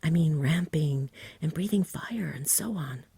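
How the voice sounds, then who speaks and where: A woman voicing a practical, offhand male knight from a storybook in a soft, breathy whisper. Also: low-pitched, measured pace, no echo, full character voice. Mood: brisk reminding. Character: casual, practical male knight, Saint George.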